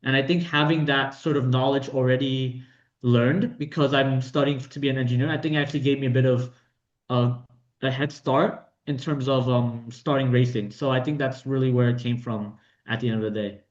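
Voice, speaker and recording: A man's voice: medium pitch, steady tone, moderate pace. Young man from Vietnam, chatty interview guest, lots of ums, dull echoey room recording. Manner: talkative, fillers and restarts. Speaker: guest racing driver. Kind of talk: casual interview answers.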